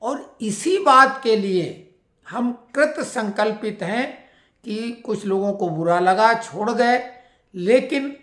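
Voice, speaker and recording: A woman's voice: mid-range voice, animated, slow pace. Chatty woman host in an echoey room. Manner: conversational, explains at length and addresses viewers directly. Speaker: channel host speaking to pensioners. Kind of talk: informal news commentary.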